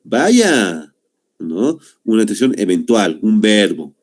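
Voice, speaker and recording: A young man teaches an online class over a video call, explaining patiently and checking in with "¿no?" after each point while also repeating "muy bien." His fairly low voice is very animated, and he takes it slowly.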